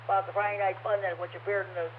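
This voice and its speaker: A man's voice: high-pitched, level tone, racing. A man hosting a ham radio net as net control, heard through a radio transmission with static, talking in a friendly, rambling way with many fillers. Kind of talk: casual on-air radio chat. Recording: phone-like band, faint static noise over radio.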